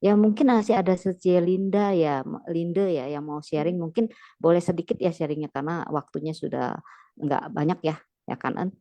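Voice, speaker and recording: Low voice lady moderating, soft and encouraging, dry mic. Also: moderate pace, no room sound. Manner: gentle, encouraging, affirming. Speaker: host. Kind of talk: moderating a group sharing.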